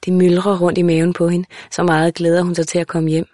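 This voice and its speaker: Low-voiced woman reading an audiobook. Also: dry recording, clean studio sound. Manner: calm, measured, even reading. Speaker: audiobook narrator. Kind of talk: scripted literary narration.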